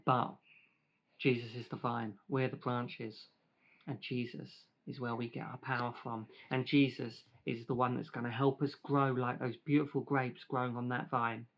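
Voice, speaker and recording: A man leads a children's church talk in a playful, lively way. His voice sits mid-range and comes through a dull, lo-fi recording. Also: medium pitch, normal speed. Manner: lively, playful, eats grapes while talking.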